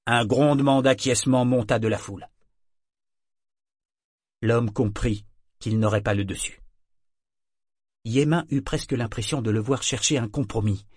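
A man narrating a story in a steady, scripted audiobook reading. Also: medium pitch, a little slow, long pauses, husky, dry recording, studio quality.

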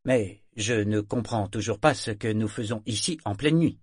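A man's voice: on the low side, moderate pace, slightly rough, no room sound, clean studio sound. A man voicing a skeptical wealthy man with a plaintive, grumbling voice. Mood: complaining.

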